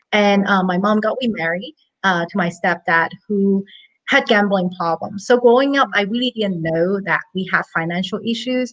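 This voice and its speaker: Woman in her thirties from Hong Kong, money-coach guest, earnest and chatty, medium pitch. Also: lo-fi sound. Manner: earnest, chatty, with light laughs. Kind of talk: casual interview storytelling.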